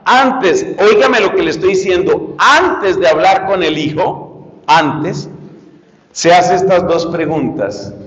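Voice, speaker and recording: A man's voice: on the high side, big-room sound, highs cut off. A man preaching a sermon, speaking straight to his listeners and repeating key phrases. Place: church retreat hall.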